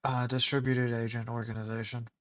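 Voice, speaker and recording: Deadpan, joking male podcast co-host. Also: medium pitch. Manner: jokey, deadpan, many quick affirmations. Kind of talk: casual chat.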